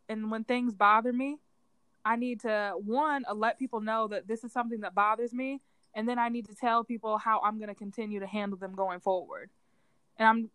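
A woman's voice: on the high side, fairly bright tone, clean tone, no room sound. A woman in her thirties co-hosting a podcast in casual chat, blunt and teasing. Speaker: podcast co-host.

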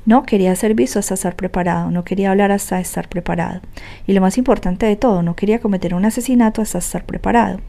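A woman narrating an audiobook in a steady, measured way. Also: mid-range voice, creaky. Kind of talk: scripted narration.

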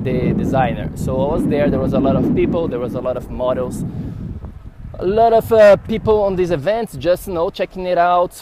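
A man from Brazil with a Brazilian Portuguese accent, a podcast host telling a story casually to camera in an animated, rambling way. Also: fairly high pitch, a little hiss or hum. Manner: animated, rambling with fillers and restarts.

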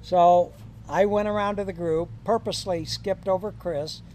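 An older man telling stories from his years as a high school counselor in a casual podcast chat, chuckling and acting out the quoted lines. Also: fairly even intonation, moderate pace, darkish tone, slight background noise. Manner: chuckling anecdotal storyteller, acts out quoted lines.

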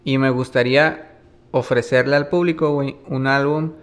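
Mexican man, interview guest, relaxed slangy talk, mid pitch. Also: normal speed. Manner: relaxed slangy talk, peppered with filler words. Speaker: interview guest, music producer. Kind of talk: casual interview chat.

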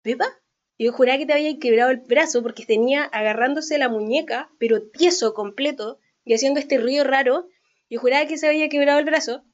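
A woman with a Chilean accent, hosting a podcast and telling a story in casual chat, animated, laughing often and acting out what people said. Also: high voice, quick pace, lo-fi sound. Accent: Chilean Spanish. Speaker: podcast host.

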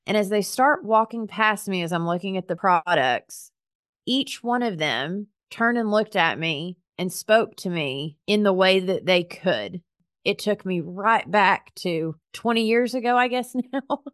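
A woman hosting a solo podcast, talking to her listeners like friends in an earnest, heartfelt way. She chats casually, with plenty of "like" fillers and warm encouragement. Her voice sits at a middle pitch and is recorded dry and close. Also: lively intonation, a little slow, no echo. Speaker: podcast host and business coach for professional organizers.

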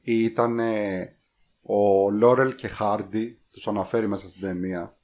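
A man's voice: fairly low pitch, steady tone, darkish tone. A man co-hosting a podcast, chatting casually about films and rambling with many hesitations. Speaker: podcast co-host. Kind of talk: casual film review chat.

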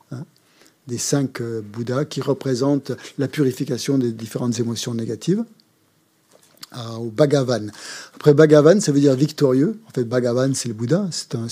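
Male Buddhist teacher, mellow voice, halting course delivery. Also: medium pitch, breathy edge. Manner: hesitant, frequent fillers and repeated words. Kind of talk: explaining a mantra in a course.

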